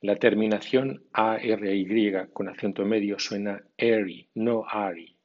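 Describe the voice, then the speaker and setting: A man teaching English pronunciation in a scripted podcast lesson, reading rules and word lists slowly and deliberately. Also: on the low side, little pitch movement, a little mellow, highs cut off.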